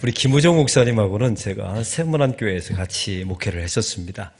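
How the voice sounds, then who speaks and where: Speaking fast in a lowish, slightly rough voice, a middle-aged Chungcheong man delivers a lively, joke-filled sermon. He is a guest pastor in a church sanctuary and has a Chungcheong Korean accent.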